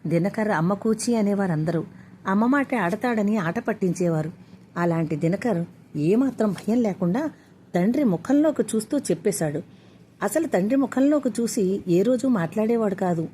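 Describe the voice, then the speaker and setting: A woman storyteller reads a scripted story in a steady, even manner. Her voice sits at a middle pitch. A faint hiss of noise can be heard behind her. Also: moderate pace.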